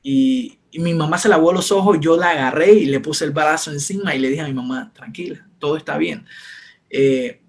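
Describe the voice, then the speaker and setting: A young man telling his personal faith testimony in an earnest, conversational way, softening his voice when he quotes others. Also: on the high side, fairly quick. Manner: earnest, retells dialogue in soft quieter voices. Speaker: testimony speaker.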